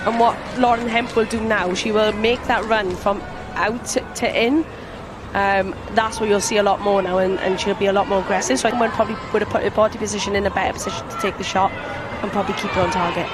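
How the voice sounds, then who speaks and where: Female co-commentator, mid-pitched, explanatory and conversational, with a very loud stadium crowd behind. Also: steady tone, fast, very noisy. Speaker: co-commentator, pundit. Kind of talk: conversational match analysis.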